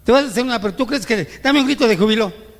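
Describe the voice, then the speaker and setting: This pastor's voice is very high-pitched and expressive, and he talks very fast. Preaching his sermon in a church with plenty of echo, he peppers the congregation with rhetorical questions and mimics whiny grievances aimed at God.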